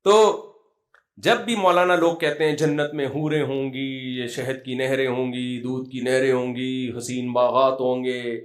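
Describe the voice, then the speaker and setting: With a mid-range voice and flat delivery, a middle-aged Islamic preacher relates amusing stories during a religious talk, keeping things conversational.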